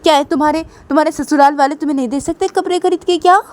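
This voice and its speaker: A woman doing a shrill furious mother. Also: very fast, a little mellow, lightly acted. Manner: shrill, scolding. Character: tearful angry mother, middle-aged woman.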